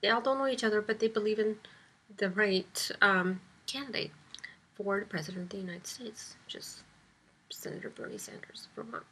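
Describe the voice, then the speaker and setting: A woman's voice: mid-range voice, fairly quick, pushed and bright, husky. A sleepy-sounding woman giving casual political commentary to camera, rambling with many ums and dropping into whispery asides. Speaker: vlogger and public access show host.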